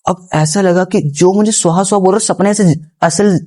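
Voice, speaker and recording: This young man's voice sits high with a dark tone at normal speed as he earnestly recounts a personal story as a podcast guest. His casual first-person telling is rambling and respectful, full of restarts and repeated phrases, and he often calls the host guruji.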